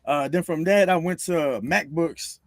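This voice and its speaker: A man's voice: fairly high pitch, unhurried, dry recording, clean studio sound. A man hosting a podcast, chatting casually in a laid-back, slangy way, tossing in "bro" often. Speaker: podcast host. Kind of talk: casual chat.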